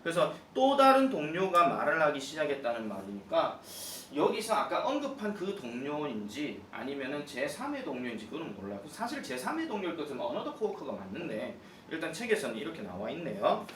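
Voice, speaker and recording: Male cram-school English teacher, lively with a fairly high voice, acts out dialogue lines, echoey room with a distant mic. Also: brisk, hardly any pauses, a little hiss or hum. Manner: animated, acting out dialogue lines in exaggerated voices; checks in with listeners. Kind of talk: exam-prep lecture explaining a textbook passage.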